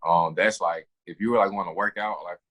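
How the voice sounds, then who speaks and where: A man riffing fast with friends on a podcast, his words tumbling out in slang and restarts. His voice sits a little low and has a husky edge. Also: steady tone, a bit bright, rough recording. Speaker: podcast co-host. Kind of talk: casual chat.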